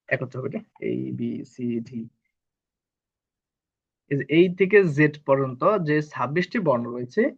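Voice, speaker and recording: A man's voice: a little high, fairly bright tone, husky, lo-fi sound. A man teaching English grammar basics in a patient, repetitive way, from Bangladesh. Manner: patient, repeats terms to drill students. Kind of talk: explaining a live online lesson.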